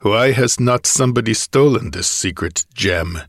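Blunt young barbarian warrior, plain-spoken, deep voice, read by a male narrator. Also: lively intonation, a little slow, dry recording, studio quality.

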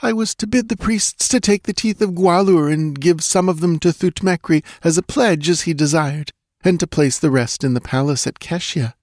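In a dramatised audiobook, a man voices a terrified young dancing girl, his fairly high, darkish voice pushed up yet close to an everyday voice, at normal speed. She whimpers, pleads and catches her breath in a fearful confession. The recording is dry and studio quality.

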